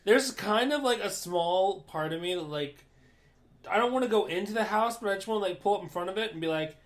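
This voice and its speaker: Male co-host, fairly high-pitched, informal storyteller with frequent profanity. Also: a little fast. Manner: frequent swearing. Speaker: podcast co-host. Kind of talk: casual chat, storytelling.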